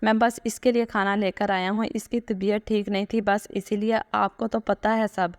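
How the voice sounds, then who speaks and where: A woman's voice: mid-range voice, little pitch movement, normal speed, lightly acted. A woman voicing a young male doctor who is teasing and devoted, in a read-aloud story. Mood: pleading. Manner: teasing, coaxing.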